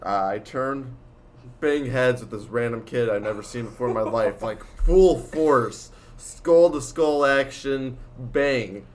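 A man's voice: mid-range voice, slow. A teenage boy in casual chat, rambling through a story with lots of fillers and laughs. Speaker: student storyteller.

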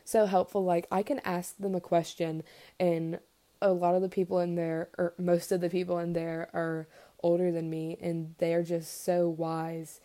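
A young woman chatting as a podcast guest, gushing and warm in what she says, with many fillers and little laughs. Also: on the low side, level tone, normal speed. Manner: gushing, lots of fillers and giggles. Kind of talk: casual podcast chat.

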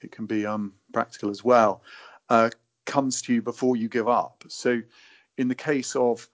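A man's voice: mid-range voice, fairly even intonation, normal speed. A man talking thoughtfully and hesitantly in conversation, often repeating words as he works out a point. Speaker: natural navigation advocate, guest. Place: indoors in a wooden cabin. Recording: dull, muffled lo-fi audio.

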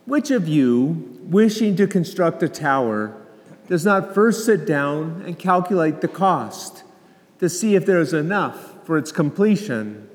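A man gives a formal, solemn Gospel reading as a clergyman, measured and deliberate, with a cathedral echo. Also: on the high side, big pitch swings. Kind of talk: formal liturgical scripture reading. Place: large reverberant church.

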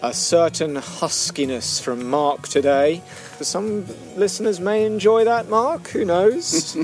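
A podcast host with a high voice speaks slowly while walking outdoors in a mountain valley, describing the scene around him. Soft music plays in the background.

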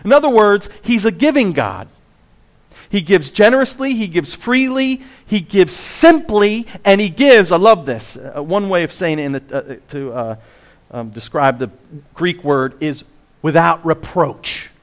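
A man preaching a sermon as pastor, emphatic, slowing on key phrases, swinging between loud and hushed, and asking the listeners direct questions. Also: high-pitched, animated. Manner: emphatic preaching with wide swings in loudness and slowed stressed phrases; asks the congregation direct questions.

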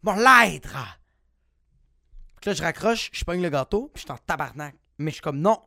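A man with a Quebec French accent telling a comic story as podcast host, profane and animated, with bursts of shouting. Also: fairly high pitch, moderate pace, vocal fry, dry recording, studio quality.

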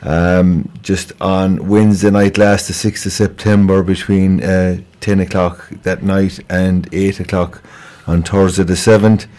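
A man with an Irish Kerry accent appears as a guest on local radio, making an informal police appeal about a crime in a conversational, hesitant way and often repeating words. His voice is deep and dark, with a flat delivery, measured pace and few pauses.

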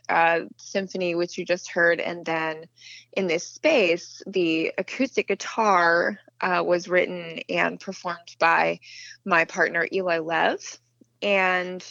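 A woman heard over a dull, lo-fi phone line, her low voice carrying a gravelly fry. She talks very slowly and hesitantly, thinking aloud as she answers. The sound is close and dry, with no room around it. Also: a bit bright, dry recording. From Western Maryland, USA. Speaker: singer-songwriter guest. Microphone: telephone.

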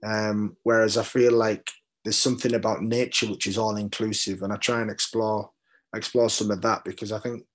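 Here a poet from London, England, talks in a reflective interview with a British accent. His voice sits on the low side, with a level tone and moderate pace, and he sounds thoughtful and hesitant, repeating words as he searches for the right one.

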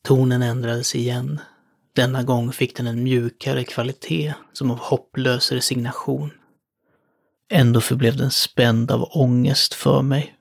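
A man solemnly narrating a horror story in the first person, with a measured delivery. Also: medium pitch, level tone, gravelly.

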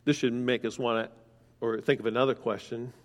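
A man's voice: mid-range voice, flat delivery, brisk. A man preaching a sermon, explaining scripture verse by verse and asking his congregation direct questions. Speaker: pastor. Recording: long hall reverb.

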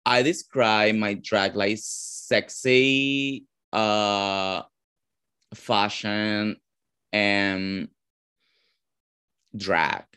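A man from Venezuela with a Venezuelan Spanish accent, a drag performer answering interview questions casually, often pausing to search for words. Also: lowish voice, fairly even intonation, pushed and bright, smooth. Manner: searching for words, frequent "like" fillers.

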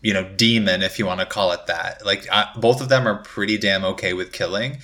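Bright-voiced, lowish male podcast co-host. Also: fairly quick. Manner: emphatic, conversational, with frequent "like". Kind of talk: casual podcast chat about a TV series.

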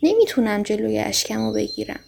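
A woman voicing a wistful, gentle fox who longs for friendship, in a storybook reading. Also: mid-range voice, sing-song, gravelly, slight background noise. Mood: sad. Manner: gentle, heartfelt, pleading.

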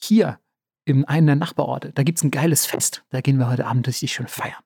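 A man's voice: mid-range voice, brisk, vocal fry, dark tone, breathy edge, no echo, studio quality. A man voicing a careless, scheming father in a fairy tale retelling, offhand and slangy.

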